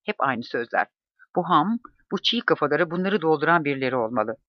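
A man narrating a first-person memoir in a measured, reflective reading. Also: fairly high pitch, lively intonation, dry recording. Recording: dull, dry close-mic recording.

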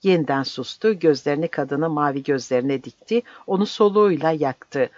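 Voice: medium pitch, moderate pace, a little mellow, no room sound. Dry, intense audiobook narrator. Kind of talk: dramatic literary narration. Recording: dry, slightly dull audiobook recording.

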